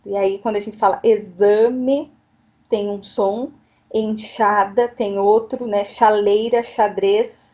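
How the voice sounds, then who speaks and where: A woman teacher educator lectures online from home in a virtual meeting, her mid-range voice slow, fairly even and a little mellow. She explains at length and often adds tag questions to check understanding. Her computer mic on the video call gives a dull, lo-fi sound.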